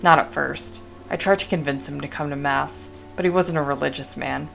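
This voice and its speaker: A woman reading aloud the lines of a talkative male village priest from a game, in a measured way. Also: sits low, fairly even intonation, gravelly, a bit bright, soft background music, exaggerated voice. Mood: calm.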